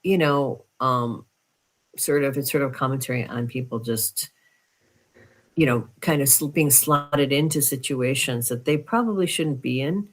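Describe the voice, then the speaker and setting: A woman's voice: rumbling low, measured pace. A woman in a casual podcast chat about movies, reflective and hedging, with many fillers and frequent agreement. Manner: agreeable, affirms often. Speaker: podcast co-host.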